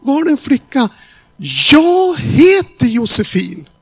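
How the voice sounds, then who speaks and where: A man acting out a distraught young woman who breaks down crying, his voice pushed up high and loud. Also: huge pitch swings, creaky, husky, full character voice.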